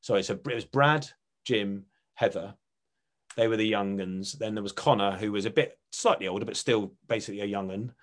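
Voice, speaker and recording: A man's voice: lowish voice, brisk. A middle-aged man with an Essex accent, reminiscing casually as an actor in an interview, rambling and often correcting himself. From Essex, England. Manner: chatty, rambling, self-correcting. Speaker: actor and writer being interviewed.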